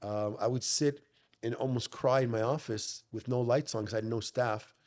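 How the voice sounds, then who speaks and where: A man's voice: mid-range voice, steady tone, normal speed, a little mellow. A middle-aged man who owns a gym, telling his story in a casual podcast chat, blunt and swearing often. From Canada. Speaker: gym owner and guest.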